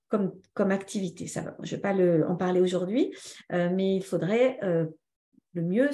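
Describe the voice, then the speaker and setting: A woman trainer giving a live online lesson, lively and answering viewers' comments by name. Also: mid-range voice, reverberant. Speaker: teacher trainer.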